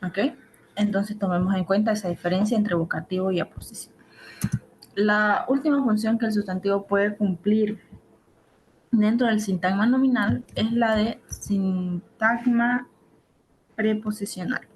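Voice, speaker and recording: Woman tutor walking students thru grammar, slow and steady, keeps asking ok?. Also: mid-range voice, a little hiss or hum, poor audio. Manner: explains step by step, often checks with "ok?". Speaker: teaching assistant. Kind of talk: online grammar lesson.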